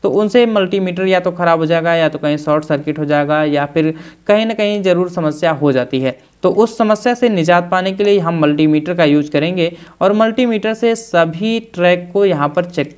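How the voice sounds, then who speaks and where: A man's voice: sits high, normal speed, a little mellow, clear, resonant tone. A man, a repair instructor, explaining a tutorial step by step in speech, with fillers and repeated phrases.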